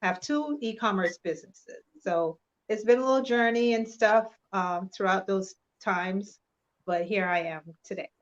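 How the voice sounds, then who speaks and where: A woman from Trinidad and Tobago, a guest in an interview, speaking in a measured, sincere way with frequent pauses. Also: mid-range voice, dull audio. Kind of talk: personal testimony in an interview.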